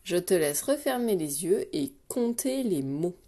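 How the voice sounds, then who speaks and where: Slow, patient woman teaching dictation. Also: on the low side, very animated, dark tone. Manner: patient and clear, repeats each item slowly. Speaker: primary school teacher. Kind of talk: dictation lesson for young children.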